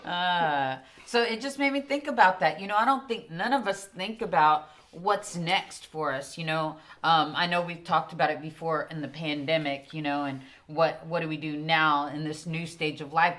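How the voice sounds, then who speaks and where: A woman's voice: low voice, normal speed, few pauses, fairly bright tone. A woman with a Texan accent co-hosting a casual chat podcast, teasing and laughing often. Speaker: podcast co-host.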